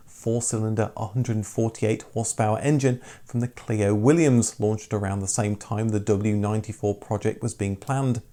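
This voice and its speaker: A man's voice: lowish voice, dark tone. A man presenting a scripted documentary as its narrator.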